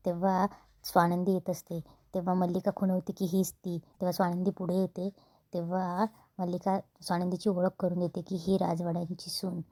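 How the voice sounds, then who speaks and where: A woman retelling a TV serial episode in a steady, plain narration. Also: fairly low pitch, no echo.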